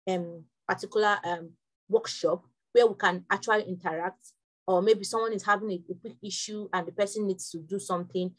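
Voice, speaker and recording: A young woman from Nigeria leading an online workshop class over a video call, talking quickly with frequent restarts. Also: mid-range voice, fairly even intonation, rough recording. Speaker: workshop instructor.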